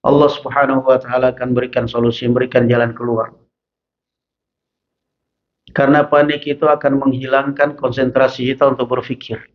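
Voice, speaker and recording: A male preacher teaching a mosque study session, chanting Arabic passages slowly and then explaining them in casual speech. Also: medium pitch, level tone. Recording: dull lo-fi mosque recording.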